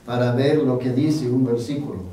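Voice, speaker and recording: A male pastor preaching a sermon in an unhurried, folksy, self-deprecating way, with many fillers. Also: medium pitch, steady tone, mellow. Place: church sanctuary. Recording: very echoey church, mic at a distance.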